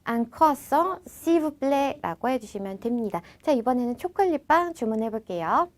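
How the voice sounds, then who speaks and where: A woman teaching a French lesson, who slows down to model each phrase and then explains it in Korean. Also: fairly high pitch, expressive. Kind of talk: language lesson.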